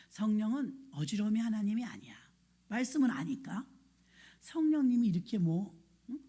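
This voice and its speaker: A female pastor delivers a sermon from a church sanctuary, recounting something from her own life. Speaking with a medium pitch and a slight roughness, she brings the story alive by performing the scenes and voicing her inner thoughts.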